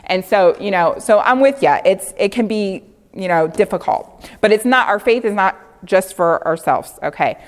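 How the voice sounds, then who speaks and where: A woman's voice: medium pitch, normal speed. Earnest chatty woman teaching scripture, reverberant. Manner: chatty, earnest, laughs often, swings between animated and hushed. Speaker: lay Bible teacher. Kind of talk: informal Bible teaching.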